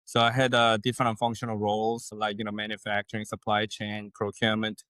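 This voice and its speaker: A man, a guest on a podcast interview who explains things in a measured way with folksy sayings. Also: fairly low pitch, monotone, fairly bright tone, clear, resonant tone, dry recording. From South Korea. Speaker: guest, leadership consultant.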